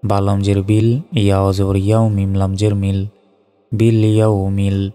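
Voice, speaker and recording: A man's voice: low-pitched, completely flat delivery, normal speed, warm tone. A man teaching Quran reading, spelling each letter and vowel in turn and then chanting the whole word in a melodic recitation. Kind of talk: slow spelling-out recitation lesson. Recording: reverberant with faint background music.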